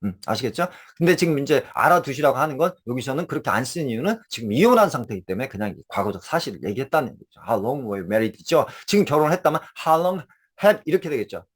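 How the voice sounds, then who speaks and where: Lively Korean English teacher, man. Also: mid-range voice, fast, breathy edge. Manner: animated, repeats checks with listeners. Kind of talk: casual spoken lecture.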